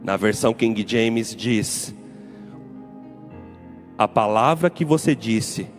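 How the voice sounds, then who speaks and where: A man's voice: fairly low pitch, animated, slow, faint music behind. A man with a Brazilian Portuguese accent, a pastor delivering a sermon in an emphatic, repetitive preaching style.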